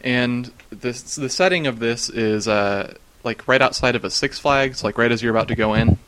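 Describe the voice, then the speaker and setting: A man's voice: medium pitch, moderate pace, a bit bright, smooth. A man in casual chat, recounting strange dreams and often breaking into laughter. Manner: laughs often while telling, many fillers.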